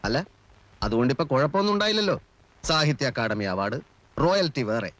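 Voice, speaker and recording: An actor playing a lawyer who talks in a mocking, exasperated way. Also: male voice, mid-range voice, lively intonation, a little fast, a bit bright, natural voice, poor audio.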